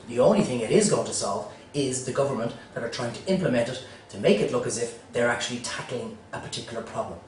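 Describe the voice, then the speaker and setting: A man's voice: medium pitch, slight background noise. A man presenting a mock news segment with sarcastic, wry commentary. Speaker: satirical show presenter. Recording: echoey room, voice set far off.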